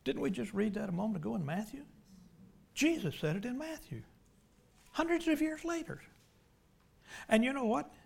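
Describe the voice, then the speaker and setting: A man preaching a sermon, emphatic and folksy, swinging from loud declarations to hushed asides. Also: sits high, very animated, fairly quick, gravelly, slightly rough.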